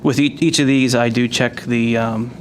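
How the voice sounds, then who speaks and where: Man, level intonation, agent's meeting report, pauses mid-phrase, faint room noise. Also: medium pitch, fairly even intonation, poor audio. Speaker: wetlands agent giving a report. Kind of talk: spoken report at a public meeting. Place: municipal agency meeting.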